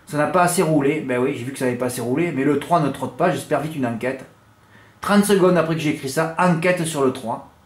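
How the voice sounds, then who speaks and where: A lively man in a loose monologue about his racing bets, his somewhat high voice jumping between loud bursts and low mutters as he cracks bawdy jokes. The room adds a clear echo around him. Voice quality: has a noticeable accent others laugh at. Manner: animated, crude joking, big swings in pitch and loudness. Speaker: horse racing tipster. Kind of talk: casual monologue to camera.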